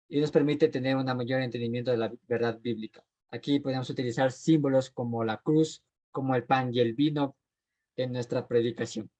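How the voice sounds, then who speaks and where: A man teaching a homiletics class, explaining his points plainly and often pausing with fillers and restarting his sentences. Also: medium pitch, a little mellow. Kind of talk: recorded class lecture.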